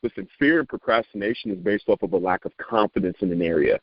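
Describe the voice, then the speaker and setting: A man giving a motivational talk to a sales team, animated and preacherly, repeating phrases and stumbling over words when he gets excited. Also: lowish voice, fast talker, no room sound, muffled recording.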